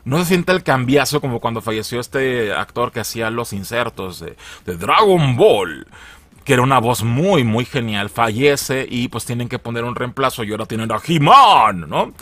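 A man with a Mexican Spanish accent talks through film news in a loose, slangy way and laughs easily. His pitch swings widely from low asides to high exclamations. The sound is dry and close, with no room echo. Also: normal speed. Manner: animated, slangy, laughs often. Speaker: channel host. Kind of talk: casual commentary on film news.

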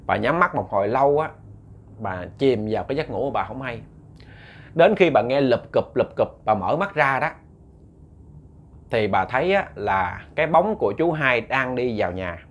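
Chatty Southern Vietnamese ghost storyteller. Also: male voice, mid-range voice, animated, moderate pace, highs cut off. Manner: chatty, addresses listeners directly. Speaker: storyteller host.

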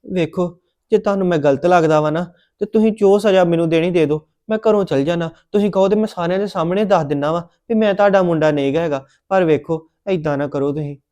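A man's voice: a little high, fast, dark tone. A young man with a Punjabi accent, acting an adopted son in a family drama, pleading and apologetic.

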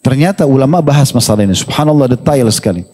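Male preacher, mellow higher voice, lively joking delivery, long hall reverb. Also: quick pace, husky. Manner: animated, humorous, acts out quoted dialogue. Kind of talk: religious Q&A talk.

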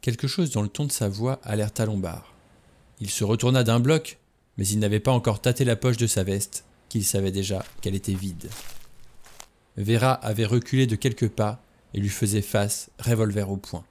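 Low-voiced man reading a novel. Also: fairly even intonation, darkish tone. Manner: slow, deliberate, dramatic pauses. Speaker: audiobook reader. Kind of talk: novel read aloud.

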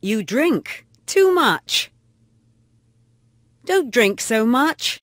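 A woman reads short phrasebook lines at a very slow, deliberate pace. Her pitch rises and falls widely from phrase to phrase. The sound is dry and close. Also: sing-song, fairly bright tone, no room sound. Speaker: English phrase reader. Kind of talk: slow scripted phrasebook reading.

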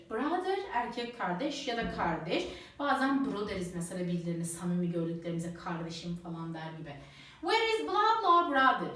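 Lively woman teacher in an echoey room. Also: on the high side, far from the mic. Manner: lively, slows down to read English sentences aloud. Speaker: English teacher. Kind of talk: explaining worksheet answers. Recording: roomy echo, voice a bit off mic.

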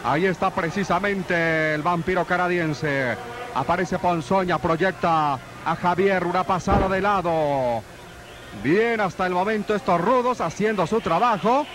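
High-pitched Mexican wrestling commentator, a man. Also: measured pace. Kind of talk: live lucha libre play-by-play commentary. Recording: noisy old TV sports broadcast. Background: arena noise.

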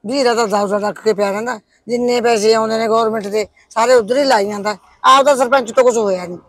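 A woman's voice: a little high, fairly even intonation, quick pace, dry recording, lightly acted. A woman playing a gossipy, complaining old village woman, with a Punjabi accent. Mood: gossiping. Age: older. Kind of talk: village comedy drama.

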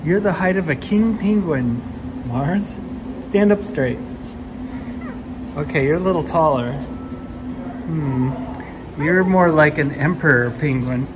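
A young father chatting casually as he films his kids at an indoor penguin exhibit, relaxed and chuckling. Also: a little high, slow pace, long pauses. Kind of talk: casual family vlog narration. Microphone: handheld phone camera. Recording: noisy phone recording in an exhibit hall.

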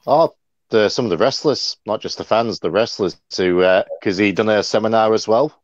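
A man's voice: on the low side, moderate pace, dry recording. A man co-hosting a casual livestream chat, rambling and chatty. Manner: chatty, rambling, many fillers. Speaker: co-host. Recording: dull lo-fi dry sound.

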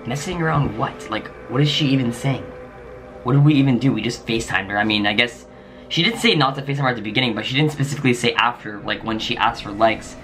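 A man hosting a casual vlog, talking in jumpy, scared exclamations and sometimes dropping to a hush. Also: mid-range voice, fast talker, soft background music. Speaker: YouTuber host.

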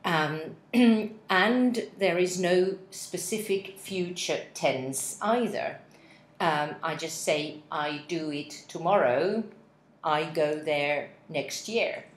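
In an office meeting room with window blinds, a laptop webcam records a deep-voiced woman in her forties, a native Finnish speaker, who takes her time over a practice speech for interpreters. She hesitates often and spells out words, and the reverberant recording is low in quality.

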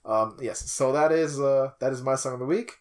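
In a small indoor attic room, a young adult man hosts a casual podcast, chatting informally and teasing. His voice is medium in pitch and his pace is brisk.

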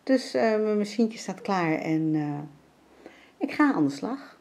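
A woman's voice: medium pitch, expressive, slow, gravelly, darkish tone. An older woman from the Netherlands chatting casually in a home vlog, with plenty of fillers as she walks through her sewing and cooking. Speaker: vlogger. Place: home interior.

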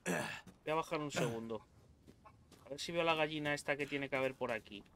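A man's voice: fairly high pitch, moderate pace, slight background noise. A young man from Spain, doing horror game commentary, swearing and yelping when startled. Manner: jumpy, swears a lot, yells when startled. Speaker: gaming YouTuber.

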